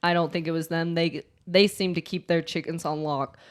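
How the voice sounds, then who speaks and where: A woman's voice: sits low, steady tone, normal speed. A woman co-hosting a casual chat show, telling a neighbor story with exasperated laughter. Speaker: podcast co-host.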